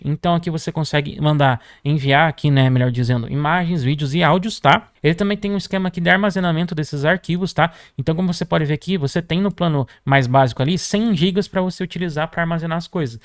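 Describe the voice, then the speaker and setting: A Brazilian man walking viewers through a software tutorial, constantly checking in with "tá?" as he clicks through features. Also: on the high side, no echo, studio quality. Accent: Brazilian Portuguese. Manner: brisk, peppers sentences with "tá?" and "ó". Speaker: tutorial host. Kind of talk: screen-recorded software tutorial.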